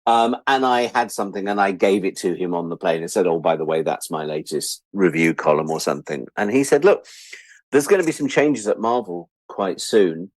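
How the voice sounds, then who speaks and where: This writer and editor, an English-accented man in his sixties, has a low-sitting voice and talks at normal speed on a dry recording. As a guest in a casual interview, he tells animated anecdotes, makes jokes at his own expense, and acts out people's quoted words.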